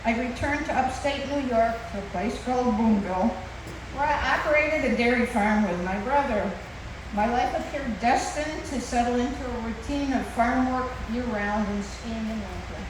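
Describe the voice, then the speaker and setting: A woman's voice: fairly high pitch, moderate pace. An older woman giving a composed, prepared wedding toast as the mother of the groom. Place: large reverberant venue. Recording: echoey hall, distant, noisy.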